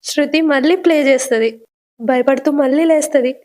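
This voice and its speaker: High-voiced woman retelling a story. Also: darkish tone. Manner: brisk, chatty. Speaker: storyteller recapping a TV serial. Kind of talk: casual retelling narration.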